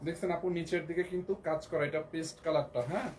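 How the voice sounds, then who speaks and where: A hoarse man with a Bangladeshi Bengali accent, selling clothes on a live stream and repeating prices again and again. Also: fairly high pitch, fairly even intonation, very fast, darkish tone, a little hiss or hum. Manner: repetitive, keeps repeating prices and urging viewers to buy. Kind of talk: live shopping sales pitch.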